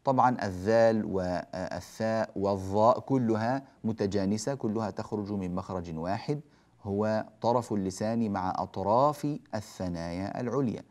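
A man teaching a recitation lesson, patiently explaining rules and chanting verse examples slowly. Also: on the low side, a little mellow. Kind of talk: tajweed lesson.

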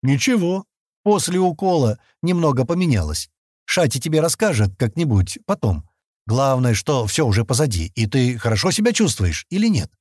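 A man reading an audiobook, voicing a confident, smug man who briskly explains and gives orders, in a slightly raised husky voice. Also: mid-range voice, sing-song, darkish tone, dry recording, clean studio sound. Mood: brushing off.

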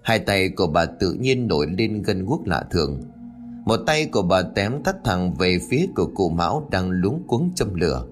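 A man's voice: low voice, big pitch swings, normal speed. A man narrating a ghost story aloud, lightly voicing the characters as he reads. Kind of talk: scripted horror story narration. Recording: faint music behind.

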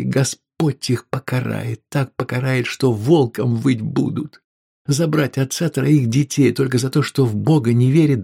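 A man reading an audiobook, voicing an excitable, pious innkeeper's wife with raised, indignant outbursts and a raspy voice. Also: mid-range voice. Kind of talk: audiobook character voice.

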